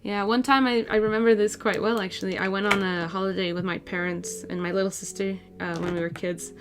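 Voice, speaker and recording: A chatty young woman streaming herself drawing, talking casually to her viewers and laughing easily as she answers them. Her voice sits in a middle register, with soft music playing faintly behind her. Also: mid-range voice, steady tone, a little fast. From Portugal. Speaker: art streamer. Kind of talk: casual live-stream chat while drawing.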